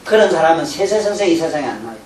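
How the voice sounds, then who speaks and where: A Buddhist teacher gives a colloquial, animated sermon, often acting out everyday talk and laughing. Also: medium pitch, rapid-fire. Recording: roomy hall from a distant mic, faint hum.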